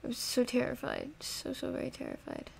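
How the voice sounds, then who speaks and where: A woman's voice: sits high, wildly swooping pitch, brisk, creaky, darkish tone, slight background noise, low-quality recording. A young woman streaming a game, chatting casually and jokily to her chat and sometimes whispering. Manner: jokey, talks to chat, drops to whispers while hiding. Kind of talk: casual let's-play commentary.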